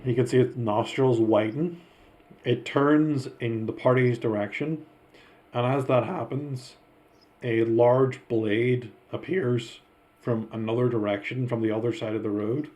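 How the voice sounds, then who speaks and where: A man running a tabletop game as game master, narrating scenes in a slow, descriptive way. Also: mid-range voice, steady tone, a little mellow.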